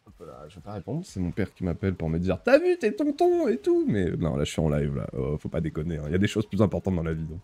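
A man's voice: low-pitched, fast, few pauses, mellow, breathy edge. A young man chatting casually on a live stream, reading the chat aloud, laughing often and using many fillers.

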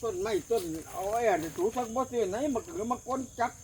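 Isan Thai man, high and quick, chatting through mouthfuls of food, noisy outdoor recording. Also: a little mellow. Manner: talking with mouth full while eating. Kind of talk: casual chat over a meal. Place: outdoors in rice fields and woods. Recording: outdoor field recording with background noise. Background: insects and outdoor ambience.

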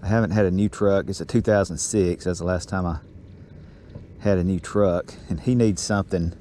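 Fishing from a small boat on calm water, a middle-aged vlogger talks casually and folksily into his body-worn action camera at a moderate pace. His voice is low-pitched, and the outdoor camera audio carries a steady noise.

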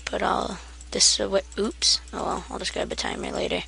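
Sleepy gravelly-voiced woman explaining a game. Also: mid-range voice, lively intonation, normal speed, background noise. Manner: sleepy, rambling, self-deprecating. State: half asleep. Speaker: gaming tutorial maker. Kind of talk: casual game tutorial.

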